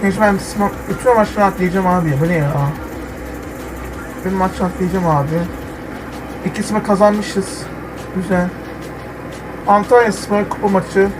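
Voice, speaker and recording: Excitable young man yelling at a game. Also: sits high, measured pace, long pauses, noisy background. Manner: excitable, swings from muttering to yelling at players. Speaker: gamer. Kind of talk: live football game commentary.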